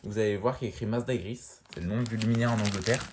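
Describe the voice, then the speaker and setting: A man giving a casual show-and-tell of a lamp, talking in a relaxed, rambling way full of fillers and restarts. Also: fairly low pitch, racing, heavy background noise. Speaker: lamp collector showing a fixture.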